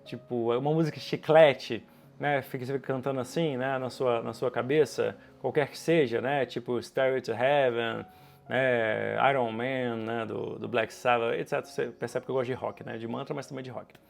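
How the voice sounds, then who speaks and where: A man's voice: mid-range voice, steady tone, moderate pace, creaky, soft background music. A man teaching yoga in a casual, chatty way, often asking rhetorical questions and checking in with the listener. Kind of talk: casual explanatory lesson.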